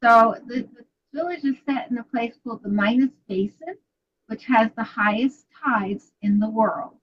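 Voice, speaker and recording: An older Brooklyn-accented New York woman, an author guest, chats casually about her books over a video call from her home study lined with bookshelves. Her fairly high voice moves at a moderate pace as she tells stories and laughs often. The webcam audio is dull and lo-fi, with a little hiss or hum.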